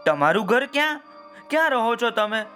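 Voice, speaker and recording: An innocent little village boy, as a man puts him on, pitched up high with excited, pleading calls. He sounds eager and wide-eyed in a storybook telling, with soft music faintly underneath. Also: normal speed, exaggerated voice.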